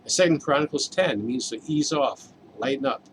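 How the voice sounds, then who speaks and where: A man preaching a sermon in a measured, explanatory way, stressing key words as he teaches. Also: mid-range voice, lively intonation, noisy background.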